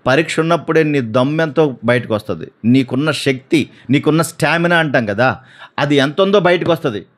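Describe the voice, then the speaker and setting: A man preaching a sermon, animated, acting out voices and asking the congregation questions. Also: a little high, fairly quick.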